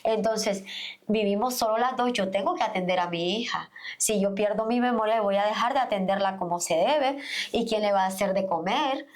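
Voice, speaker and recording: A woman's voice: medium pitch, moderate pace. A middle-aged woman pastor, a podcast guest, telling her personal faith testimony earnestly and acting out the dialogue as she goes. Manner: earnest storytelling, reenacts dialogue.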